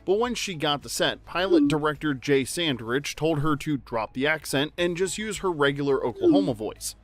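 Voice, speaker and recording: A man's voice: on the high side, lively intonation, moderate pace. A man narrating a trivia video in an upbeat, jokey, conversational way. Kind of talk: scripted narration.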